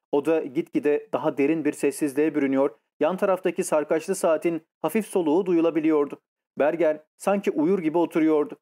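A male narrator reads a novel aloud in a measured way. His voice sits slightly high but sounds warm and mellow. The delivery is steady and scripted. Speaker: audiobook narrator.

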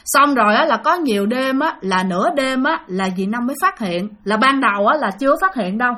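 A woman narrates a ghost story, her voice pitched high. She speaks in a chatty way and turns to her listeners often. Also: animated, brisk, bright, forceful tone. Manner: chatty, addresses listeners directly.

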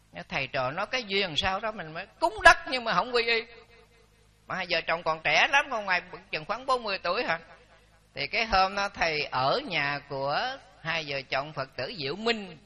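Older man in his 70s, Buddhist monk, very sharp bright tone, dull lo-fi recording. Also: sits high. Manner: lively anecdotes with quoted dialogue. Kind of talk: storytelling dharma talk.

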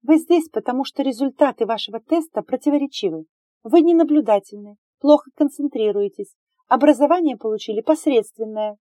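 Woman doing a stern, crisp female examiner. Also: high voice, brisk, dark tone, no echo, voice pushed up, lightly acted. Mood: severe. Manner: crisp, severe.

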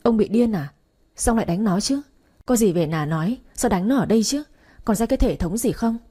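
A woman voicing an agitated middle-aged mother-in-law who shouts reproaches at her husband. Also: mid-range voice, expressive, a little fast, breathy edge. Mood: scolding.

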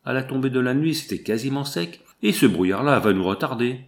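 A man voicing a middle-aged farmer who complains slowly and plaintively. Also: mid-range voice, expressive, lightly acted. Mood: complaining.

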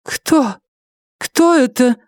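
A woman voicing a frightened, timid woman with a high, thin, squealing voice. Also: extremely slow, darkish tone, dry recording, clean studio sound.

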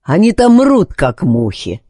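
A man reading an audiobook voices a proud, quick-tempered aristocratic husband who speaks harshly and accusingly. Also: high-pitched, huge pitch swings, dark tone, dry recording, voice pushed up, full character voice. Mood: scornful.

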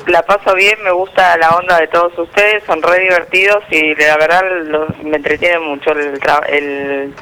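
A woman's voice: low-pitched, level tone, moderate pace, hardly any pauses, bright, forceful tone. A woman with an Argentine accent calling in to a radio show, friendly and a little shy. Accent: Argentine Spanish. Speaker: caller. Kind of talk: phone call to a radio show. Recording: phone line with faint noise.

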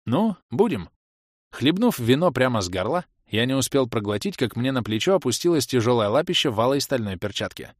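A man's voice: mid-range voice, expressive, fast talker, hardly any pauses, no echo, clean studio sound. A man narrating a first-person fantasy audiobook.

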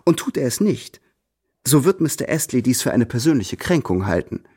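Radio drama: proud young tutor, composed and steady, middle voice. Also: male voice, medium pitch, husky. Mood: defiant. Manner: measured, cool and composed. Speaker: first-person narrator and protagonist.

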